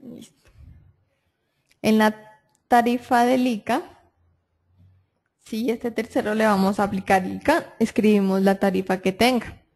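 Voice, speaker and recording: Brief: woman, software tutorial voice, steady step-by-step explaining, mid pitch. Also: a little slow, pauses often. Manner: step-by-step explaining, frequent "entonces" and "listo", checks with "¿sí?". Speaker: software trainer. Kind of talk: screen-recorded software tutorial.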